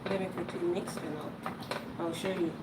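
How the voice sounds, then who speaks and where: Cooking in her home kitchen during a live stream, a Yoruba-speaking host chats away casually, often repeating herself. She has a fairly low pitch, fairly even intonation and normal speed, and the recording is echoey and loudly noisy.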